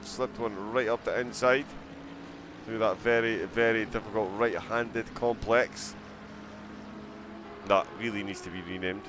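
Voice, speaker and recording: A man's voice: on the low side, steady tone, unhurried, pauses often, background noise. A man commentating a live sim-racing broadcast, chatting and giggling as he reacts to viewers' chat between race calls.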